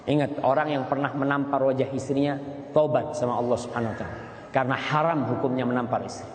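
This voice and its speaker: Male preacher, sermon, storytelling, emphatic rises in pitch, long hall reverb, faint background noise. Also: fairly even intonation, fast talker. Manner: storytelling, voice leaps higher for emphasis. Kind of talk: marriage advice sermon.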